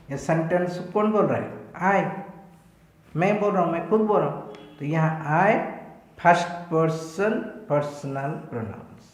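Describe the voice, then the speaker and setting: An Indian man teaching a grammar lesson at a very slow, dictating pace. His voice sits high, and he repeats each definition before asking whether it is clear. The sound is echoey, like a bare room. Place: online class recording in a room.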